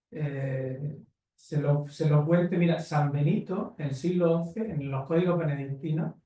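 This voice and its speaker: A man with a fairly high, darkish voice answers questions at a conference panel, pressing his points bluntly and posing rhetorical questions to listeners. His lecturing style is emphatic, and the sound comes from far off in an echoey hall.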